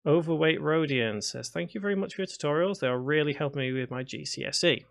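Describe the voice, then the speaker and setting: Talking fast in a creaky, high-leaning voice, a Scouse-accented man in his thirties from Liverpool chats casually on his game development live stream. He reads viewers' comments aloud and answers them, using fillers and restarting often.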